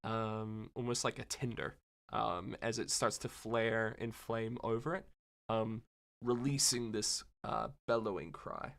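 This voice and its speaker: A man narrating as game master of a tabletop game, describing the action with many pauses and fillers. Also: fairly low pitch, fairly even intonation, gravelly, a bit bright.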